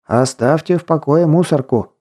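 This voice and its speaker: A man's voice: on the high side, normal speed, mellow, slightly rough, pitched above the performer's own voice. A man reading an audiobook, voicing a wary, prickly young rich man who answers curtly. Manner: defensive, curt. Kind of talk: audiobook dialogue.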